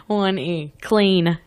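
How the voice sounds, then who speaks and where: A woman co-hosting a radio show, chatting casually and laughing often in an easygoing way. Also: medium pitch. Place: radio studio.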